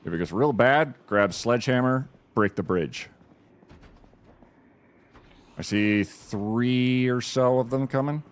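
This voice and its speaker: A man's voice: mid-range voice, slow pace, long pauses. A man streaming a game, giving live commentary in a dry, wry, self-deprecating mutter.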